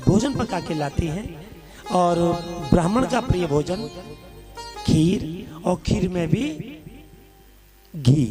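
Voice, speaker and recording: A man with a lilt, an emphatic devotional preacher telling a sacred story and giving instruction. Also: high-pitched. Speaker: Bhagavat katha preacher.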